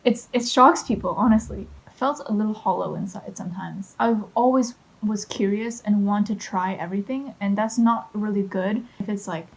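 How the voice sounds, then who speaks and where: A woman's voice: medium pitch, normal speed, vocal fry, few pauses, poor audio. A teenage woman, telling a personal story in a candid, chatty vlog full of fillers. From China, raised in Quebec and Ottawa. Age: teens. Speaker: vlogger.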